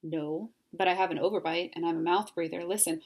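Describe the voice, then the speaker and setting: Lady doing a low breathy shy monster guy, a bit gravelly, storybook read-aloud. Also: steady tone, fairly quick, darkish tone. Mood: polite. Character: breathy polite male monster, timid bookish.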